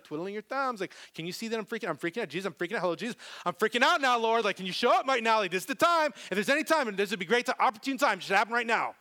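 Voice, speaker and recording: Brief: a man putting on a frantic, broke guy begging God for a break, rushed and pleading, voice pitched up. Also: no room sound. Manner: pleading, rushed, rising into excited shouting.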